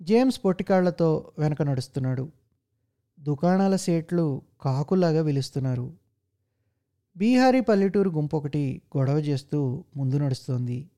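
A man reading a story aloud as narrator, in a measured, steady way. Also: a little high.

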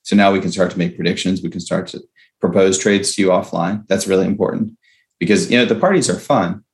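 A man's voice: low voice, a little fast. A man speaking as a startup founder in a conversational interview, explaining step by step and checking in with "right?" and "okay?".

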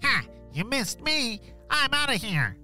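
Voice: sing-song, a little slow, pushed and bright, soft background music, full character voice. A storyteller voicing an exclamatory purple ninja villain for a children's audio story. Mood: taunting. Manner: shrill, exclamatory.

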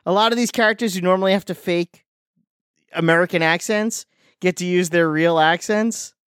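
A man's voice: sits high, moderate pace, a bit bright, clean tone, no room sound, studio quality. A man co-hosting a podcast in casual chat, talking in a chatty, hesitant way with many restarts. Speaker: podcast co-host.

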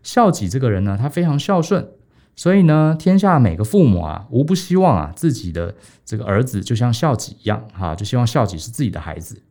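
A man voicing a calm, clever male minister who argues his case in a composed, persuasive way. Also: mid-range voice, a little fast.

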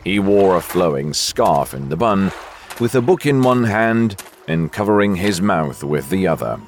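A man narrating a story in a slow, expressive reading voice. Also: deep voice, slight background noise.

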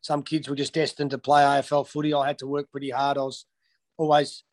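A former footballer from Western Australia, a man in his thirties, answers interview questions in a casual way, full of ums and restarts. His voice sits at a medium pitch with a level tone, and he talks fairly quickly.

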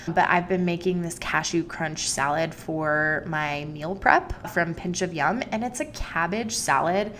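A woman's voice: lowish voice, a little hiss or hum. A young adult woman hosting her solo podcast, chatty and enthusiastic with playful emphasis. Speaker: podcast host.

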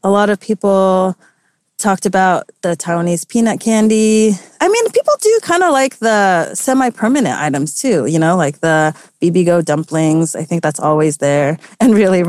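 Young woman chatting away in an interview, kinda low voice, lots of "like", dry close mic. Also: animated, normal speed, darkish tone, no room sound. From United States. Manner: chatty, lots of "like" and "you know", light laughs. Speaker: journalist guest. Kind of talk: casual interview answers.

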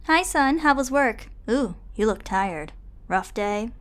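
A man voicing a blind older mother who is sharp-tongued and feisty, in a high sing-song put-on voice. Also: expressive, takes it slowly, exaggerated voice. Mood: teasing.

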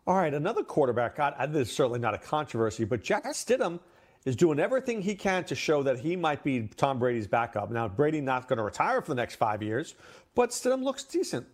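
Opinionated man hosting a sports chat. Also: fast. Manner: opinionated, lively, jumps to higher pitch for emphasis. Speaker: fantasy football host.

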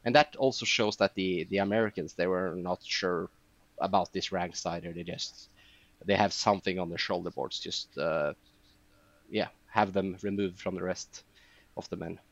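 A man's voice: deep voice, fairly even intonation, moderate pace, a bit bright, dry recording, muffled recording. A man chatting as a podcast guest, telling long rambling stories with many fillers. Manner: rambling storytelling with frequent fillers. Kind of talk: casual podcast chat.

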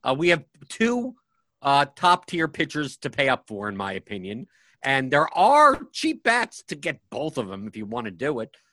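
A man's voice: medium pitch, wildly swooping pitch, normal speed, sharp tone, dry recording. A man co-hosting a sports podcast, giving casual, conversational analysis. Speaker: fantasy sports podcast co-host.

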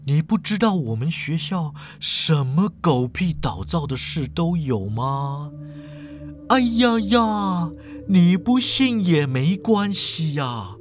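A man voicing a mischievous, laid-back professor with a slow, low, teasing drawl. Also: slight background noise.

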